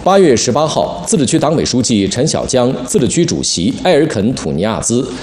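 A man's voice: mid-range voice, very animated, a little fast. A man presenting the news as a formal anchor in standard mainland Mandarin, reading a script in a television studio. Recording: roomy studio echo, faint noise.

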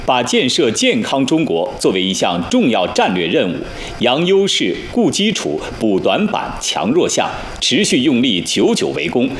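A male formal news anchor delivers scripted news in standard mainland Mandarin. His mid-pitched voice moves through very wide intonation. The sound is roomy. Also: huge pitch swings, moderate pace, hardly any pauses, a little hiss or hum. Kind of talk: scripted national newscast.

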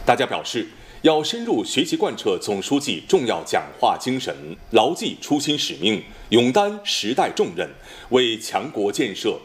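A man with a standard mainland Mandarin accent reads scripted broadcast news as a formal, measured anchor. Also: on the low side. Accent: standard mainland Chinese Mandarin.

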